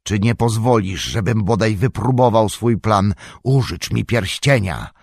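A proud, hot-tempered warrior in an audiobook, all raised, strained shouting and desperate demands, as a male narrator puts him on. The husky, dry voice climbs well above the reader's own. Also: fairly low pitch, measured pace, no echo, pitched above the performer's own voice. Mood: pleading. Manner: shouting, desperate, pleading in turns. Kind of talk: audiobook character voice.

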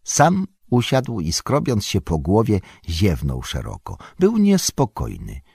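A man reading a fantasy story aloud in an expressive, dramatic narration. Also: lowish voice, takes it slowly, vocal fry, breathy edge, no echo, clean studio sound. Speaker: audiobook narrator.

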